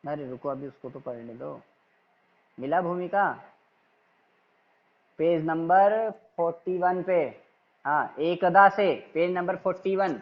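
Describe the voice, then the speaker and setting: A man teaching an online class, calmly but firmly correcting his students' reading and repeating himself until they get it right. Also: fairly high pitch, slow, long pauses, dull audio. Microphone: video call.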